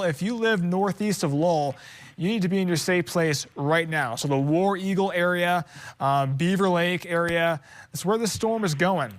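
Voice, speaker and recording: An urgent, emphatic man with a fairly high voice delivers a live severe weather warning. He is a TV meteorologist, laying out affected areas in short, unscripted phrases. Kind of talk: live tornado warning commentary. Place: TV studio.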